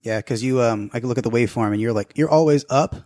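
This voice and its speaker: Regular mid-pitch guy, podcast guest, dry teasing jokes, casual. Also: quick pace, dark tone. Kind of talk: casual chat. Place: apartment room.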